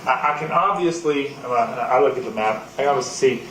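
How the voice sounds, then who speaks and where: A man questioning a witness as an attorney, in a halting, folksy, courteous and conversational way. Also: medium pitch, fairly bright tone. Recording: roomy, distant, noisy courtroom pickup.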